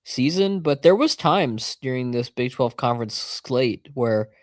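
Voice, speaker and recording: A man's voice: mid-range voice, lively intonation, unhurried, no echo. A man with a stuffy, congested voice talks loosely on a sports podcast. He rambles and jokes at his own expense, recorded from his bed with a dry, close sound. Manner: rambling, self-mocking humor. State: congested with a cold. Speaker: podcast co-host. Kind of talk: casual sports podcast chat. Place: bedroom. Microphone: home setup in bed on video call.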